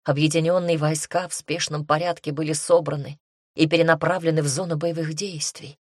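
Woman narrator, fantasy audiobook, measured reading, low, dry booth. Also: steady tone, dry recording.

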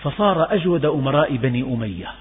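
An older man preaches a religious lesson, telling stories and slipping between formal and everyday speech. His voice is husky and carries a long echo from a large hall. The recording sounds thin and tinny, like a phone line. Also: medium pitch, expressive, fast. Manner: storytelling, mixes classical and colloquial Arabic, rises in emphasis.

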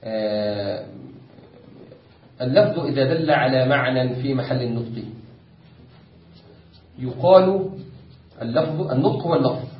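A man's voice: medium pitch, animated, a little slow, pauses often. A man with an Egyptian accent teaching a religious law lesson, patiently repeating his points and quizzing students. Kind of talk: classroom lesson explaining a text. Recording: echoey room, distant dull mic.

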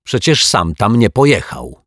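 A man's voice: deep voice, very animated, unhurried, breathy edge, no echo, studio quality, full character voice. A man voicing a proud, easily offended detective in a children's audiobook, with a huffy manner. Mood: indignant. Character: indignant proud male detective.

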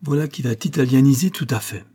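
A man voicing a jovial, theatrical male opera singer who speaks in a lively, expansive and commanding way. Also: medium pitch, fast talker, breathy edge, voice pushed up, close to an everyday voice.

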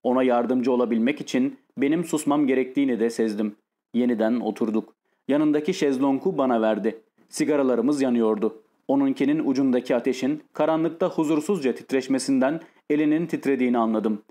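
A man narrating an audiobook in a calm, measured reading. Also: mid-range voice. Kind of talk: scripted narration.

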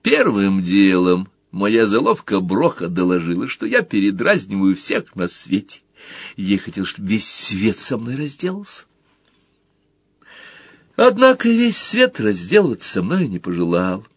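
A man narrating a story as an audiobook, animated and switching between character voices. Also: on the low side, husky, dry recording, studio quality. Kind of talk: audiobook reading.

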